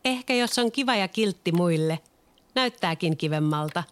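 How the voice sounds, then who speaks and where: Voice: lively intonation, a bit bright, lightly acted. A reader voicing a brave, earnest little girl in a storybook. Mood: thoughtful. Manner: high, eager childlike delivery. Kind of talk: storybook reading.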